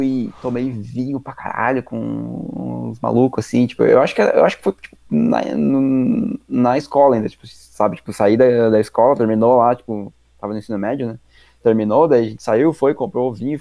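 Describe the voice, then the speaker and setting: Dude, dark mellow voice, slangy rambling podcast storytelling. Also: male voice, mid-range voice, creaky, dry recording. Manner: slangy, rambling, lots of fillers. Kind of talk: casual storytelling chat.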